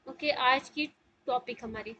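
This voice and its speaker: A woman leads an online tajweed lesson over a video call. Her voice sits high, and she speaks in an encouraging way while mixing in English terms. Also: muffled recording, a crowd in the background. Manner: encouraging, code-switching with English words. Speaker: tajweed teacher. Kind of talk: online class teaching.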